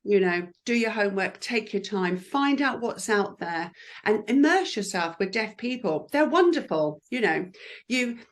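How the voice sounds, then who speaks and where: A woman's voice: mid-range voice, lively intonation, a little slow. A woman who works as a lip speaker, chatting in an encouraging way about the job in an interview, with frequent fillers. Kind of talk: careers advice interview.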